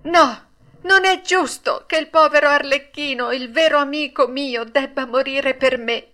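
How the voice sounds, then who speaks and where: A woman voicing a brave wooden puppet boy in a storybook reading, pleading in a high tearful voice. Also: unhurried, bright, forceful tone. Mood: heroic.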